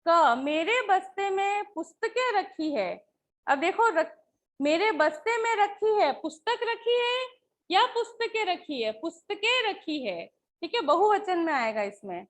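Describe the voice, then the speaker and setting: Very high-voiced woman teacher explaining grammar. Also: very animated, unhurried. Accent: Hindi. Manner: patient, explanatory, often checks with "है ना", "ठीक है". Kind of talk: Hindi grammar lesson.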